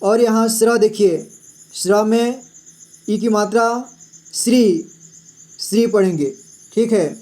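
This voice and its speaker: A man's voice: high-pitched, slow, pauses often, darkish tone. A man teaching children to read Hindi words, spelling each word out letter by letter and often saying "ठीक है". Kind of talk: slow, patient reading lesson.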